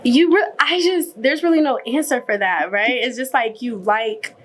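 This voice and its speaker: Soft-spoken young woman, laid-back. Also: a little high, moderate pace. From born in Ghana, raised in Columbus, Ohio. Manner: relaxed and soft-spoken, many fillers like "like" and "I guess". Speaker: salon owner, guest. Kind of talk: casual interview chat.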